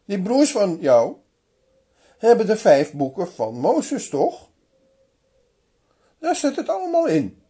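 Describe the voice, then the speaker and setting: A man voicing the old patriarch Abraham, kindly welcoming and calmly firm, with slightly raised pitch and a husky tone. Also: takes it slowly, pauses often, exaggerated voice. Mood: firm, patient. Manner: hospitable, then calm and firm.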